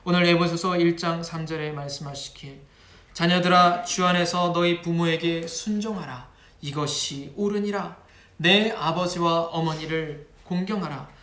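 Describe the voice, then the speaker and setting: A man's voice: fairly high pitch, fairly bright tone. A man serving as pastor, preaching and leading a spoken prayer, earnestly calling on God again and again between phrases. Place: church worship space. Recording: echoey room with faint noise.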